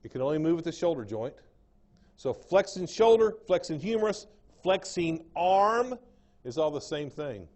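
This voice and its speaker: A fairly high-voiced man with an East Texas drawl gives a classroom lecture. He repeats each term and keeps asking the room whether it makes sense. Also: very animated, moderate pace, a little mellow. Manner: drawling, repeats terms, checks understanding with the class. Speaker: anatomy lecturer.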